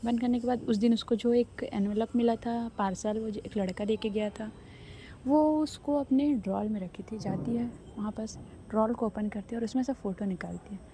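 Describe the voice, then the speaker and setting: A woman's voice: fairly high pitch, moderate pace, warm tone, a little hiss or hum. A woman storyteller narrating a story in a chatty, casual way, now and then correcting herself.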